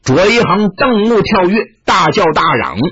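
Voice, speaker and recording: A man narrating a martial-arts tale with dramatic, animated delivery. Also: sits high, unhurried, husky. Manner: animated, rising and falling with the action. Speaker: storyteller. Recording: muffled lo-fi recording.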